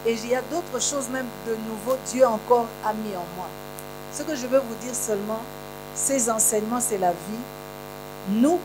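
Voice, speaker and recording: A woman from Kinshasa with a Congolese French accent, addressing a church gathering as a guest minister's wife, fervent and repeating phrases for emphasis. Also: a little high. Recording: mains hum and electrical buzz.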